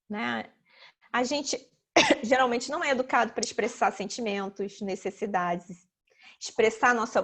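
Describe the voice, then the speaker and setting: A woman presents a talk over a video call, her voice sitting high. She explains ideas step by step, checks in often with her listeners and slips into lively voices for examples. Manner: explanatory, sprinkles "né?", acts out children and mothers in high voices. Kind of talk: casual online talk with slides.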